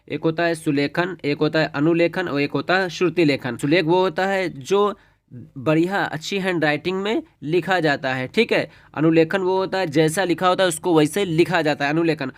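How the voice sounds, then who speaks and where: Guy teaching a hindi lesson, kinda high voice, dry close mic, goes step by step and keeps saying ok. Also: dry recording. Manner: explains step by step, often says "ठीक है". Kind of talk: exam-prep lesson.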